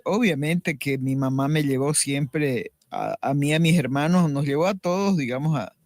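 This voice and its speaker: A woman's voice: sits low, a little mellow, no room sound. A middle-aged woman giving a personal faith testimony as a radio interview guest, earnest and reflective, often restarting her sentences.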